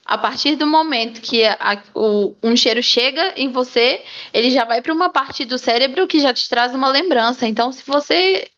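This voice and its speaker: A woman's voice: high voice, normal speed, few pauses, fairly bright tone. A woman guest on a podcast, chatting expressively and casually. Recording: dull lo-fi mic.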